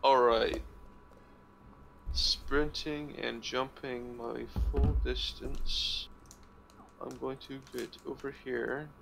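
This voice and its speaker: A man's voice: mid-range voice, fairly even intonation, extremely slow, vocal fry, long pauses, fairly bright tone, faint music behind. A man playing a tabletop game, thinking aloud with lots of fillers as he plans his moves. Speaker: player.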